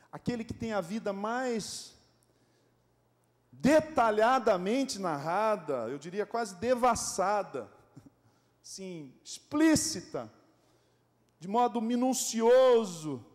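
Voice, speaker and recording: A pastor with a Brazilian accent preaching a sermon in a church, animated and joking, often asking the congregation rhetorical questions. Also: male voice, high voice. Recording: echoey church hall.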